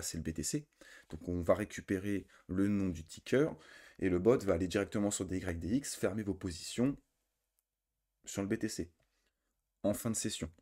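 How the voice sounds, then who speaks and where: A man from France giving a step-by-step trading software tutorial, talking through settings with frequent fillers and self-corrections. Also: sits low. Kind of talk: screen-recorded software tutorial.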